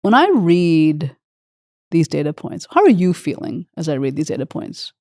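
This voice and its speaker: A woman's voice: low-pitched, very animated, moderate pace, darkish tone, no echo, clean studio sound. A woman hosting an interview, effusive and openly emotional as she talks with her guest. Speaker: podcast host.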